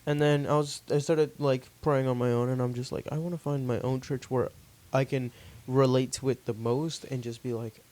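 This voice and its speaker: A man's voice: medium pitch, fairly even intonation, normal speed, darkish tone. Rambling young man on a podcast. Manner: rambling, thinks aloud with many fillers. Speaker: podcast host. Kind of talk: casual chat.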